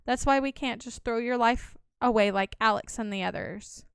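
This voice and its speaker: A woman's voice: a little high, moderate pace, a bit bright, smooth, dry recording, clean studio sound. A woman reading a worried young mage. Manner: worried, pleading. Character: anxious protective young male mage.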